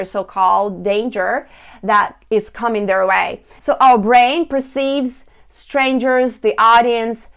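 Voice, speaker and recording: Higher-pitched woman coaching, clear deliberate delivery. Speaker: public speaking coach. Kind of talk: instructional presentation to camera.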